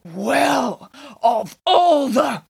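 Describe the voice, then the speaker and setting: A woman's voice: sits high, big pitch swings, very slow, vocal fry, a little mellow, breathy edge, pitched above the performer's own voice, exaggerated voice. Woman voicing a bossy pig nanny down a chimney. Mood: indignant. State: calling up from inside a chimney. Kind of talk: storybook reading.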